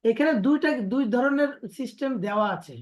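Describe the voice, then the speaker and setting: A woman's voice: high-pitched, a little fast. A woman teacher leading an online lesson on letters and pronunciation, explaining patiently and drilling her students by repetition. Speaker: Quran recitation teacher.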